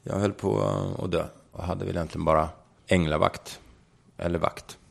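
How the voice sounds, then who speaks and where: A young man with a very low, gravelly voice talks frankly in an interview. He retells his own story vividly and drops casual swear words along the way. His voice sits deep, with a rough, crackling edge. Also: steady tone. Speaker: guest.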